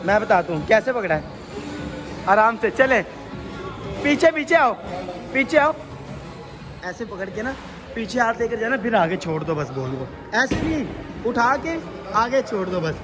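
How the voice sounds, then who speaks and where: A young man talks casually with a joking, helpful manner, giving quick pointers. His voice sits high for a man. Crowd chatter carries clearly behind him. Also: big pitch swings, music in the background. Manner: joking, instructive when showing bowling. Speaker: vlogger's brother. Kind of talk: casual chat. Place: car, then indoor bowling alley. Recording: crowd noise in the background.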